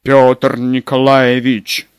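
A man's voice: medium pitch, no room sound, natural voice. A man doing a hungry, impatient deputy prosecutor. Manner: drawn-out, sighing, pleading to leave.

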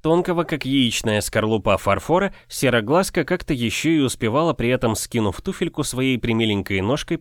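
A man's voice: mid-range voice, no echo, clean studio sound. A man narrating a first-person audiobook with a wry storytelling manner.

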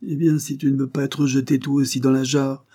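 A man's voice: mid-range voice, little pitch movement, a little fast, warm tone, voice pushed up, lightly acted. A man voicing a cruel bandit chief who issues harsh, threatening ultimatums. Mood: menacing.

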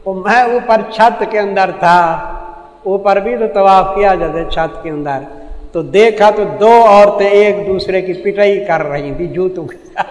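A man from Pakistan teaches a Quran commentary lecture with a rather high voice. He works through the text verse by verse and keeps asking his listeners questions. The recording rings with a long hall echo. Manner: explains verse by verse, asks the audience questions.

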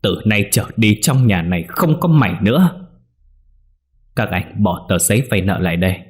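A man voicing an older adoptive mother who scolds in a shrill, stammering rage. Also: expressive, normal speed, lightly acted. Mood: weary.

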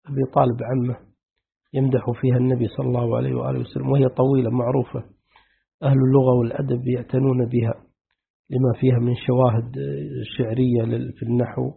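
Gravelly sheikh on a tinny recording. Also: male voice, mid-range voice, brisk. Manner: calm, explanatory, asks the class "clear?". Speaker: sheikh teaching hadith. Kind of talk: explaining a hadith lesson.

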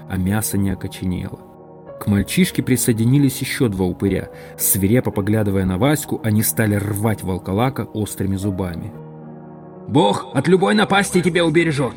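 A man with a fairly low voice reads an audiobook in steady, measured scripted narration. Faint music plays softly underneath his reading.

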